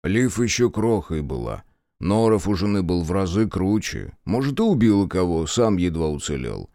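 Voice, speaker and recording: Anxious plain-spoken father, low and lively, read by the male narrator, storybook. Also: normal speed, dry recording, studio quality. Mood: confiding. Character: weary, worried older father, plain-spoken.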